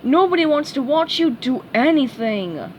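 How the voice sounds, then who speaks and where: A woman's voice: high voice, expressive, normal speed, slight background noise, pitched above the performer's own voice, poor audio. A woman voicing a grumpy adult male squid in a storybook reading, sour and irritated. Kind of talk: storybook read-aloud.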